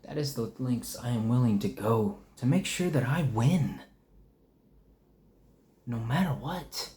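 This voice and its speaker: A man delivering a wrestling promo as a wrestler, with menacing, deliberate trash talk. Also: mid-range voice, dark tone.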